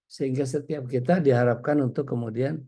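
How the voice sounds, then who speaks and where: A man from Indonesia giving a relaxed, conversational religious lecture, telling stories and often pausing with small hesitations. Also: mid-range voice, creaky, slightly rough. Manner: relaxed, storytelling, frequent hesitations. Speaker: Islamic preacher.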